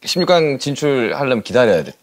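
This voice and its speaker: Guy hosting a chat show, voice jumps all over, talks fast, soft music behind. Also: medium pitch. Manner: lively, acts out shouted quotes. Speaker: talk show host. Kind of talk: casual chat interview.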